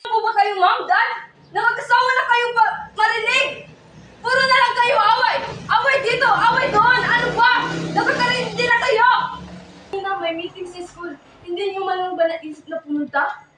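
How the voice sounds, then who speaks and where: A woman's voice: very high-pitched, moderate pace. A young woman acting as a resentful teenage daughter who confronts her parents in a bitter, raised voice, for a school film. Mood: hurt. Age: young adult. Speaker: student actor. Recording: echoey room, distant mic, noisy.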